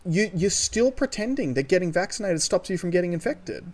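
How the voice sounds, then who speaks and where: An Australian podcast co-host chats casually about the news, offering sardonic opinions with a bit of casual swearing. His voice is high-pitched, expressive and fairly quick.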